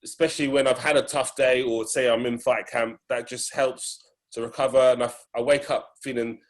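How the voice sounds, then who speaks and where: A man's voice: mid-range voice, fairly even intonation, a little fast. A man hosting a casual interview, a fighter and coach, talking in a laid-back, hesitant way. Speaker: podcast host and fight coach.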